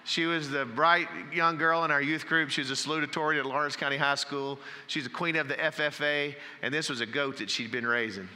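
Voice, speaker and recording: A preacher with a slightly high, very bright, ringing voice delivers a folksy story-sermon. His words carry a long hall reverb from the church sanctuary. He drops to a near whisper for emphasis. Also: fairly even intonation, brisk, hardly any pauses. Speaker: pastor.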